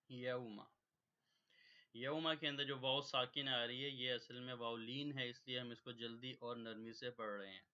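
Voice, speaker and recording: Man, Quran recitation teacher, tajweed lesson, patient step-by-step explaining, tense bright tone, muffled recording. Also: mid-range voice. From Pakistan. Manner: patient step-by-step explanation, drops in English words. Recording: dull lo-fi recording.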